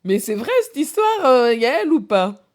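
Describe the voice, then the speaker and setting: Casting: woman live host, mocking and giggly, swoops in pitch. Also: very animated, measured pace, a little mellow. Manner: teasing, laughs often, asks viewers.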